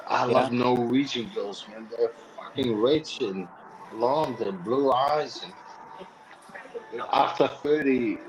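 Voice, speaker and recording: A man's voice: mid-range voice, takes it slowly, poor audio. A man from the Netherlands hosting a casual group video chat, joking and laughing often in broken English.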